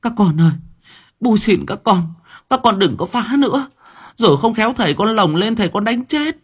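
A man's voice: animated, normal speed. A man voicing an anxious mother begging her unruly sons to stop, in a storybook reading. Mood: pleading. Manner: begging, high-pitched pleas. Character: worn-out pleading mother, anxious and tender.

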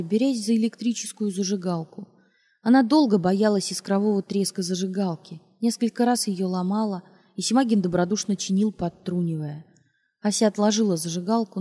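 A woman reading a novel aloud as an audiobook, expressive and acting out the dialogue. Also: medium pitch. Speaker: audiobook narrator.

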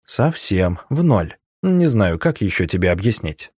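A sharp-tongued young woman thief from a fantasy audiobook, put on by a male reader. She talks briskly and a little mockingly. The sound is dry and close. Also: big pitch swings, husky, dry recording. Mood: explaining. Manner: raised lighter pitch, brisk and sardonic. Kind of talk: audiobook character voicing.

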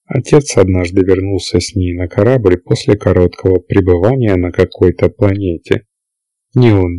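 Audiobook heroine, calm half-alien young woman, a man reads her, low dark voice. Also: no echo, low-quality recording. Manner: calm, even explaining. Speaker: character in an audiobook. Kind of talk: audiobook character reading.

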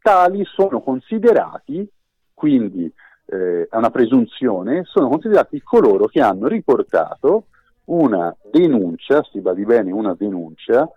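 A man's voice: mid-range voice, very animated, moderate pace, husky, dry recording. A man speaking over the phone as a legal expert guest in a radio interview, explaining in a formal, precise way. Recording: tinny phone line.

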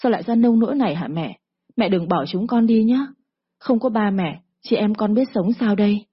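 A woman's voice: medium pitch, moderate pace, slightly rough, highs cut off, close to an everyday voice. A woman voicing a grieving young woman of twenty-one who pleads through tears. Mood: tearful. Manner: tearful, pleading.

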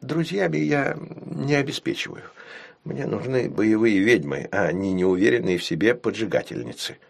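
A man's voice: on the low side, expressive, normal speed, gravelly. A man voicing a sly, fussy older man with a sneering, nervous manner in an audiobook. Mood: haughty.

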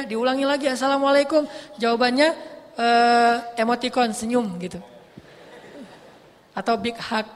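A man's voice: extremely high pitch, fairly bright tone. A male preacher with a lilt giving a casual evening sermon, playful and acting out little dialogues. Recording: long hall reverb.

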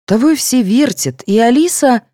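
A woman's voice: a little high, lively intonation, moderate pace, mellow, no room sound, clean studio sound, pitched above the performer's own voice, close to an everyday voice. A woman voicing a blunt, preachy young boy who lectures the grown-ups in an audiobook. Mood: lecturing. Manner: lecturing, sneering.

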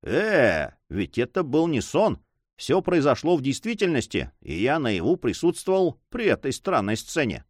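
A man's voice: mid-range voice, huge pitch swings, normal speed, dry recording, studio quality, voice pushed up. A man voicing a commanding, troubled young nobleman who speaks in an earnest way.

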